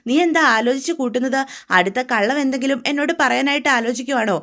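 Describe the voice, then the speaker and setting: A woman's voice: high-pitched, quick pace, fairly bright tone. A woman voicing a hurt young woman who bitterly confronts the man who betrayed her. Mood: bitter, accusing. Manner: bitter, accusing.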